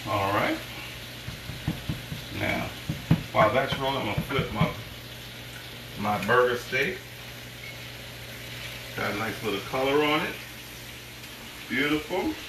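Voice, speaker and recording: A man's voice: medium pitch, animated, takes it slowly, pauses often. A middle-aged man speaking as a cooking show host, talking viewers through each step in short, unscripted phrases with approving asides. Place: home kitchen, indoors. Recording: echoey kitchen, distant mic, sizzling pan noise. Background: frying sizzle and stirring.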